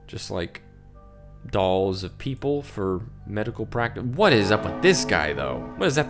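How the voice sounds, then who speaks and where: Young man, casual reaction commentary, rambling, laughing, middle pitch, soft music behind. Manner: rambling, easily creeped out, laughs often. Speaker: reaction video host.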